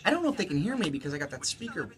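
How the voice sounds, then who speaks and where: A man hosting a radio show in the studio, announcing loudly and then chatting casually with his co-host. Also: on the high side, very fast, crowd noise. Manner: loud, upbeat announcing, then relaxed banter. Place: radio studio with a speaker playing. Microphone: studio mic with headphones.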